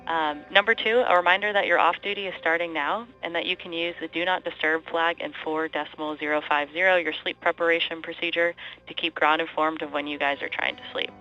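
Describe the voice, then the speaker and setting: A woman working as a spacecraft operator, giving crisp, methodical procedural callouts over a space-to-ground radio link. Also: sits low, steady tone, fairly quick, sharp tone. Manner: crisp, methodical checklist delivery. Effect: space-to-ground radio comm link. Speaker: spacecraft operator at mission control. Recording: muffled radio link, faint music.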